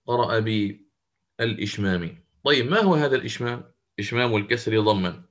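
A man at a middle pitch gives a methodical lesson on recitation. He poses questions to his class and answers them himself. He sounds out sample words slowly and repeats each one. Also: fairly bright tone. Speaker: Quran recitation teacher. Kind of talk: recorded lesson on recitation rules.

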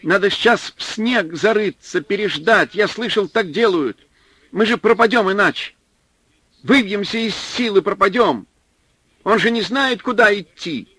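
A man reading an audiobook, voicing a panicky, whining male supply clerk who shouts in a shrill, complaining way. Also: expressive, takes it slowly, husky, dry recording, full character voice. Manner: shrill, complaining, near hysteria.

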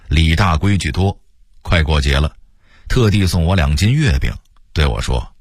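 A man's voice: sits low, no echo, studio quality. A man in his sixties with a Beijing accent, reading a personal essay on the radio with a wry storytelling tone. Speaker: narrator.

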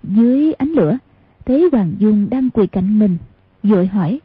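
Audiobook narrator: woman, very husky, tinny phone-like sound, measured reading. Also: mid-range voice, no echo. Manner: even, measured reading, voicing each character. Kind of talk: scripted storybook narration.

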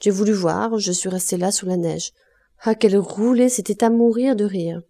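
A woman putting on a worn-out young laundress with a bitter, reckless streak. She tells her tales brashly and cynically, in a warm, mellow tone. It is the reader's own voice, barely changed. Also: mid-range voice, normal speed, natural voice. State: hoarse cough.

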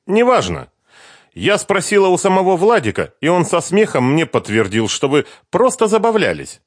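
A man's voice: high voice, huge pitch swings, normal speed, no room sound, studio quality, pitched above the performer's own voice, exaggerated voice. A man voicing a hurt, accusing young woman who confronts her former lover with pressing questions.

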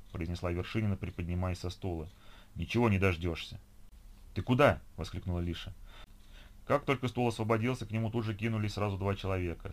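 A man reading an audiobook in an even, measured narration. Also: low-pitched. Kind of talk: scripted narration.

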